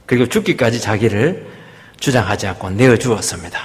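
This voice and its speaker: A male pastor preaching a sermon in a church, emphatic, swinging from loud rises down to hushed drops. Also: on the low side, expressive, a little fast. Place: church sanctuary. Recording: long hall reverb.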